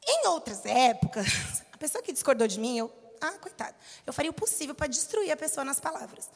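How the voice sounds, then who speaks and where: A Brazilian woman in her thirties preaches with a high, bright voice. She speaks conversationally, telling stories from her own life and voicing the people in them. Her voice carries a long reverb from the church hall. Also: sing-song, brisk. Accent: Brazilian Portuguese. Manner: conversational, storytelling with acted-out quotes. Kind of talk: sermon.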